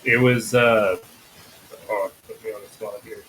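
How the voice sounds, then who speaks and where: A man from Canada speaks as a guest in a casual interview, his voice a little lower than most. He keeps his answers brief and hesitant. Faint ambience hangs behind him. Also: fairly even intonation, a little slow, a bit bright, a little hiss or hum, rough recording.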